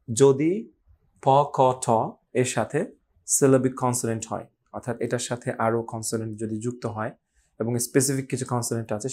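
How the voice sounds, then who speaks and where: A man's voice: medium pitch, a little mellow. Friendly man teaching pronunciation. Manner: conversational, frequent "right?" check-ins and filler "ah"; mixes English words into his talk. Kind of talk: explanatory online lesson.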